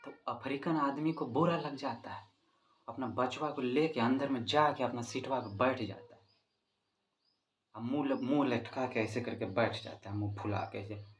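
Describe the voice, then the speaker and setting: A man's voice: medium pitch, moderate pace, highs cut off, a little hiss or hum. A man teacher with a Bihari accent tells his class a joke in a playful, casual way and keeps breaking into laughter. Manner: speaks to students directly.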